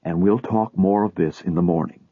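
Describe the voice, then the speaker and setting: A man voicing a scornful, sharp-tongued wife who mocks and scolds her husband, in a storybook reading. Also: sits low, brisk, dry recording. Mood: mocking. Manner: mocking, scolding. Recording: tinny phone-like sound.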